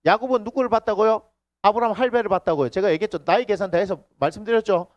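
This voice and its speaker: A middle-aged male pastor with a Gyeongsang Korean accent, preaching a lively sermon in a church. He acts out quoted voices and keeps asking the congregation questions. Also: sits high, fast talker, dry recording, dull audio. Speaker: senior pastor. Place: church sanctuary.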